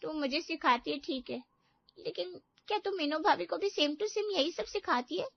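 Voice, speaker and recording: A woman's voice: very high-pitched, normal speed, vocal fry, dry recording, voice pushed up. A woman voicing a put-upon young married daughter who whines about housework. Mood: suspicious. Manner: whiny, complaining. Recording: dull dry lo-fi recording.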